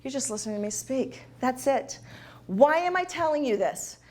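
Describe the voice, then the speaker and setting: A woman speaks to an audience in an inspirational talk. Her voice sits a little high, and she drives her points home with emphatic repetition of key phrases. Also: animated, normal speed, a little mellow. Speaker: motivational speaker. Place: event hall.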